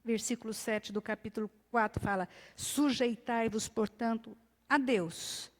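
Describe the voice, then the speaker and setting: A woman with a Brazilian accent teaches scripture to her congregation, animated and acting out little scenes. Her voice sits fairly high. A long reverb from the church hall trails after her words. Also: measured pace. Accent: Brazilian Portuguese. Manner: animated, acts out little scenes, drops soft for prayer. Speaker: Bible study teacher. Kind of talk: sermon-like Bible study.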